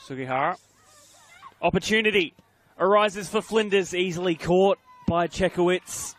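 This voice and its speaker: A man giving live, excitable football play-by-play commentary. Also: sits high, moderate pace.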